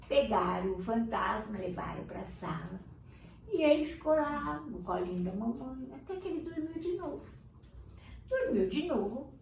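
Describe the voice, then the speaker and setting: An older woman tells a children's story, animated and expressive. Her voice sits a little high. The recording is roomy and distant, with a faint hiss behind her. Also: gravelly. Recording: echoey room, distant mic, faint hiss.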